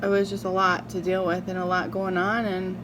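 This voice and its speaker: A woman chatting casually and confessionally to viewers while eating, reflective and halting, with drawn-out words and pauses. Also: lowish voice, monotone. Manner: chewing and eating while talking. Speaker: mukbang vlogger. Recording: clearly noisy background.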